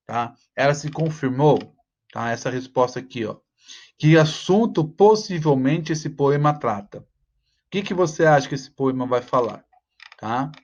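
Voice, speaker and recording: A male teacher explains an assignment in a mid-pitched, patient voice, tagging nearly every phrase with a checking "tá?". He stretches words out slowly when pointing out rhymes. The recording is slightly dull and lo-fi. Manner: frequent "tá?" check-ins, slows to spell out rhymes. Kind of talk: online class walkthrough.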